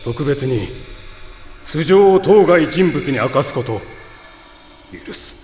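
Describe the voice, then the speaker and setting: A man playing a stern, fatherly time-police chief who speaks slowly and tersely, heard as a police radio transmission from headquarters. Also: fairly high pitch, lively intonation, a little mellow. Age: middle-aged. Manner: slow, terse, commanding. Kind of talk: audio drama acting. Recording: distant reverberant radio with faint hiss.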